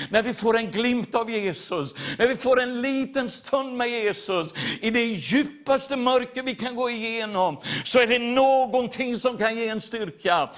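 Male preacher, very high voice, earnest, repetitive testimony sermon addressed to the congregation. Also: a bit bright.

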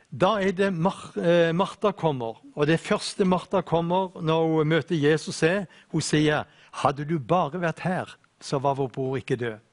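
Man, sermon, earnest scripture reading, fairly high pitch. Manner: earnest, quotes scripture with slow, weighty emphasis. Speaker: preacher.

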